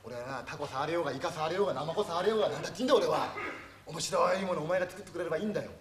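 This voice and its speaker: An actor playing a gruff middle-aged TV production boss who berates his staff roughly and throws in insults all the time, in a stage comedy monologue. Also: fairly high pitch, rapid-fire, crowd noise, natural voice. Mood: scolding. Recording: echoey stage recording from far off, noisy.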